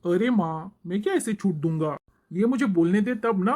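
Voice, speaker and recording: A woman's voice: medium pitch, expressive, moderate pace, mellow, lightly acted. A woman voicing a mild, evasive young husband who replies offhandedly, for a cartoon. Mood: sheepish.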